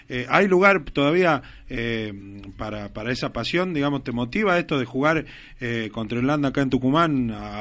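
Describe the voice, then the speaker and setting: A man's voice: medium pitch, fairly bright tone. A male radio host asking a loose, hesitant question full of fillers. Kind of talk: radio interview.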